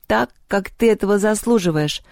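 A storyteller voicing a young woman who speaks in a cold, measured way. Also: medium pitch, gravelly, dry recording, studio quality, pitched above the performer's own voice, close to an everyday voice. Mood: steely. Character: calm, steely young woman.

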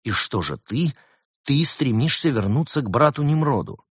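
A man's voice: mid-range voice, animated, moderate pace, slightly rough, dry recording, clean studio sound, voice pushed up. Man putting on a clever lecturing male fox. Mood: insistent. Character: shrewd talking male fox, patient explainer. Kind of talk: audiobook character voice.

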